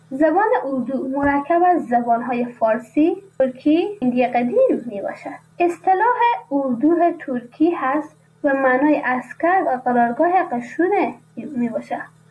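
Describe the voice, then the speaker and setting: A woman, reading a radio lesson and adding casual spoken asides. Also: high voice. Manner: reads a text, then explains it in casual asides. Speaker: teacher. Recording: dull lo-fi radio sound, faint noise.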